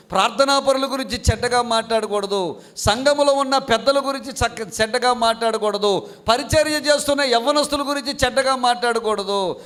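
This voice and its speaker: A middle-aged man preaching a sermon, asking the congregation questions and answering them himself, and reading scripture slowly. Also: very high voice, a bit bright. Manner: slow measured scripture reading. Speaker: pastor.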